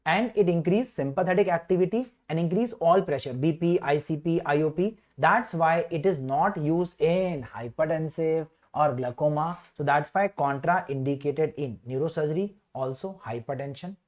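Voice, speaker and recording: A man with a North Indian accent leads an exam revision class as a medical teacher, chanting key words and prompting students with questions while mixing Hindi phrases into his English. His voice is on the high side and darkish in tone, moving at normal speed with hardly any pauses.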